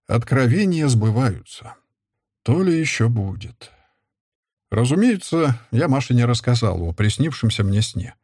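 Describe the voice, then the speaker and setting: Male audiobook reader, husky and measured, close dry mic. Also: medium pitch, a little mellow, dry recording. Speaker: audiobook narrator. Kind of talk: first-person audiobook narration.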